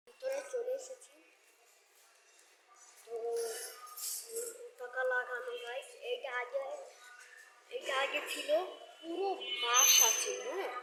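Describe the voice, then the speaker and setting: A fairly high-voiced woman gives a casual, hushed vlog tour on a handheld phone. Her voice echoes off the bare walls of a garage under a home building. Steady loud noise sits behind her words. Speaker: student vlogger.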